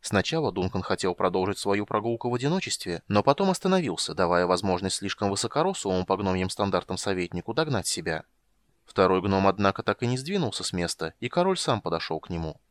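A man narrating a fantasy audiobook in a steady, measured storytelling manner. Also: low voice, no room sound.

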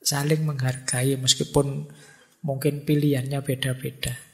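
A man with a Javanese accent giving a relaxed public talk to an audience as lecturer, chatty and joking with everyday examples. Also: medium pitch, measured pace, gravelly.

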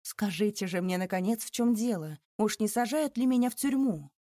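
Woman reads a frantic pleading banker, high-strung, mellow tone. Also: moderate pace, dry recording, studio quality, close to an everyday voice. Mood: panicked. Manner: frantic, rising, exclaiming. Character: terrified older male banker, pleading.

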